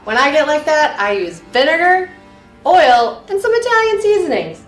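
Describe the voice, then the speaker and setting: A woman's voice: high voice, sing-song, moderate pace, soft background music. A woman playing a ditzy, cheerful friend in a comedy sketch who overshares matter-of-factly. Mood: cheerfully oddball. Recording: echoey room, distant mic.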